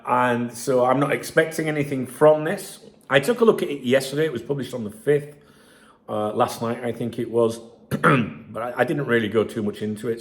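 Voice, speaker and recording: Croaking through a chest infection, a man hosting a football channel swears and snarks his way through casual remarks on a news article, speaking in a mid-range voice.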